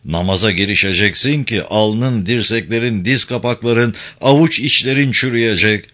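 A man's voice: on the low side, normal speed, sharp tone. A man voicing a stern, solemn old male sufi sheikh who gives grave commands. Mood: solemn commanding.

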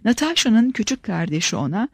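A woman's voice: a little high, husky, dry recording. A woman reading a novel in a dry, close voice. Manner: steady, measured reading. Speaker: audiobook narrator. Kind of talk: scripted narration.

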